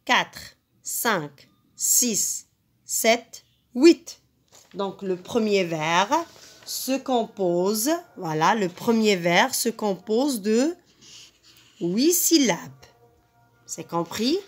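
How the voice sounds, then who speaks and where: A woman teacher walks a class through a poem. She speaks very slowly and carefully, at a middling pitch, and leans on each syllable as she counts it out. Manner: slow, deliberate, stresses each syllable. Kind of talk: reading lesson on poetry.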